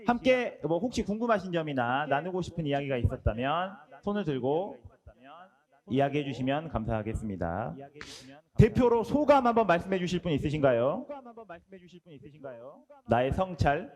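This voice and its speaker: A man's voice: on the high side, very animated, moderate pace, pauses often, a little mellow. A male instructor politely wrapping up a training session for catechists and hosting questions. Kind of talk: lecture to teacher trainees.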